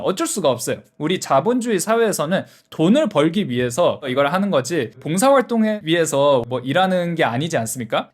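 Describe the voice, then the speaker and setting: Animated Korean man explaining things simply. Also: a little high. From South Korea. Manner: explains step by step with simple examples and rhetorical questions. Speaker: explainer video host. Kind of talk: casual explainer in simple terms.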